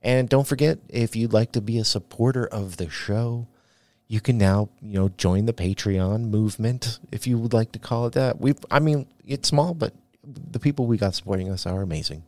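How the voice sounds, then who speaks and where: Low-voiced rambling male podcast host. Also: moderate pace, a little mellow. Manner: rambling, restarts sentences. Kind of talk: casual chat. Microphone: podcast studio mic at a mixing board.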